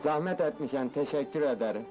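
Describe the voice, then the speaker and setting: An actor playing a naive, eager village farmhand in a comedy film, folksy and earnest, with a rural Turkish accent. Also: male voice, mid-range voice, brisk, over music, lightly acted. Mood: lovestruck, eager.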